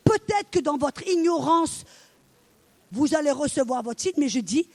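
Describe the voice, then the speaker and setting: A woman in middle age delivers a sermon in a high voice. She tells her stories with energy and plays out the dialogue herself. She speaks straight to her congregation. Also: a little slow. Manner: animated storytelling, acting out dialogue. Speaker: preacher.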